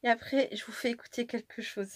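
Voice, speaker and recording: A woman chatting casually through a scrapbooking tutorial, excitable and tired, with many fillers and restarts. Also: on the high side, brisk, no echo. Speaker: scrapbooking vlogger. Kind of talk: casual crafting tutorial chat.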